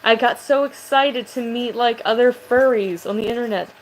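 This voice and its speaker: A woman's voice: fairly high pitch, normal speed, slight background noise, rough recording. A woman vlogger chatting casually to camera, rambling and swearing, with a voice that sounds aggressive.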